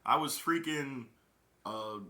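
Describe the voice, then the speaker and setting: Emphatic young man, bright and roomy. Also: mid-range voice, slow. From Chicago, Illinois. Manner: emphatic, repeats key phrases. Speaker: network marketing recruiter. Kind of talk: casual motivational talk. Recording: roomy echo.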